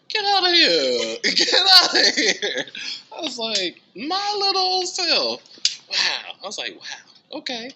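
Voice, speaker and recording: A young man from the United States talks about his music in a relaxed, chatty way. His voice is very bright, and light noise sits behind him. When he quotes himself his pitch leaps up into excited, squealing outbursts. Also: low-quality recording. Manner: animated, bursts into high excited exclamations when quoting himself. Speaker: drummer, interview guest. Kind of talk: casual storytelling interview.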